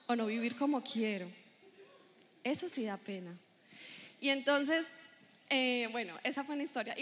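Animated woman telling stories in a reverberant hall. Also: fairly high pitch, slight background noise. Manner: animated storytelling, acting out quoted dialogue. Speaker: motivational speaker and entrepreneur. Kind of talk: motivational storytelling talk. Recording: reverberant hall, faint ambience.

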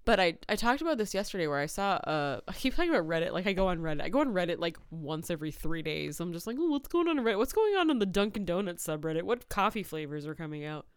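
A woman's voice: lowish voice, big pitch swings, fast, hardly any pauses, smooth, no room sound, studio quality. A woman in her thirties co-hosting a casual chat, swearing freely, laughing often and telling stories with animation. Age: 30s. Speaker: podcast co-host. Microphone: no pop filter.

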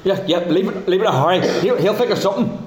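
A dopey, simple-minded Northern Irish man, acted by a man in a stage farce. He is high-pitched and excitable, tripping over repeated words. The sound is very echoey. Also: fast talker, a crowd in the background. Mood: dopey, eager. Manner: dopey, stammering repetitions. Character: dim, excitable, simple-minded male sidekick.

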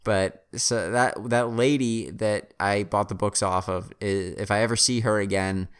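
A man's voice: on the low side, steady tone, a little slow, smooth. A man in his twenties casually telling a story about reselling garage-sale finds, rambling with restarts and wry self-mocking humor. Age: 20s. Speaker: reseller vlogger.

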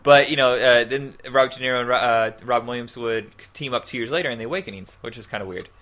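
Casting: male film-podcast co-host, casual talk, bright and crisp-edged tone, mid pitch. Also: quick pace. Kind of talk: casual movie discussion.

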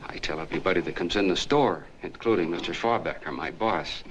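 An actor playing an earnest small-town soda fountain clerk, telling a long story in a folksy, rambling, chatty way, in 1940s film acting. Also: male voice, deep voice, a little fast, dull audio, a little hiss or hum, close to an everyday voice. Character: earnest small-town soda jerk, middle-aged man.

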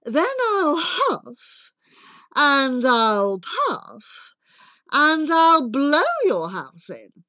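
Woman acting a greedy storybook wolf villain, menacing, boastful, slow drawn-out gloating, forceful bright tone, swooping pitch. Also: sing-song, dry recording, full character voice. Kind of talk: dramatised verse storytelling.

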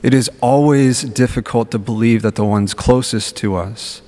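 A long cathedral echo trails a man's voice of medium pitch. He speaks as a priest in a church, moving between scripture reading and reflective, plain-worded preaching. The large space rings after his phrases. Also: moderate pace, warm tone. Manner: reflective, informal, rhetorical questions. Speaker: priest giving a homily. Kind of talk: Gospel reading and conversational sermon.

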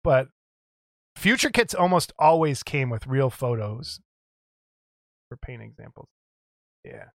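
A man's voice: mid-range voice, animated, slow pace, vocal fry, long pauses, fairly bright tone, no echo, studio quality. A middle-aged man co-hosting a casual show-and-tell about model kits, rambling and chuckling as he goes. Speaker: co-host of a model kit show.

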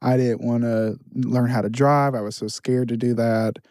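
A man's voice: medium pitch, steady tone, moderate pace, a little mellow, dry recording. Twenty-something guy musing on a podcast, um-ing a lot, dry mic. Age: 20s. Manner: hesitant, reflective, many fillers. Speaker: podcast co-host. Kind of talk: casual chat.

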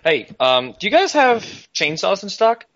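A man's voice: high-pitched, sing-song, normal speed, a bit bright, dry recording. A man trading casual banter on a group call, with muffled, slightly noisy audio.

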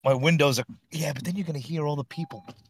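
A man's voice: fairly high pitch, fast talker, husky, no echo. A man co-hosting a casual podcast, joking and swearing while talking in a car. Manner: joking, profane banter. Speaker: podcast co-host. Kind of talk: casual chat.

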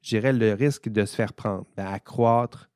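A man's voice: on the low side, fairly even intonation, normal speed, a little mellow, dry recording, studio quality. A man, an ethics professor giving an informal recorded lecture, thinking aloud and speaking directly to his students.

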